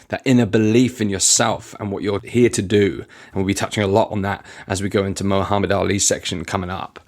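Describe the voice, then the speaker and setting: A young man speaks earnestly on his own motivational podcast, his voice sitting a little on the low side. He reflects as he goes and often restarts a phrase before pushing on. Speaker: podcast host. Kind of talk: reflective solo podcast talk.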